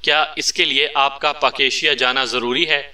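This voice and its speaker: A man's voice: mid-range voice, steady tone, normal speed, bright, forceful tone. A man voicing a curious, respectful male agent in a read-aloud story, asking polite, puzzled questions. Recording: distant mic.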